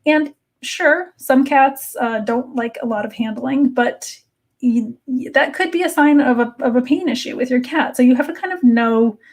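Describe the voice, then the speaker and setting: Woman presenting, in a higher-pitched voice. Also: normal speed. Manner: conversational, explanatory. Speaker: cat behavior expert giving a presentation. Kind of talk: educational talk with slides.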